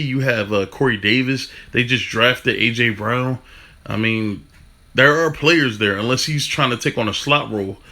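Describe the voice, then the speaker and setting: A man talking fast in a casual football rant, stumbling over restarts and swearing casually. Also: on the low side, pushed and bright. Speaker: football fan commentator.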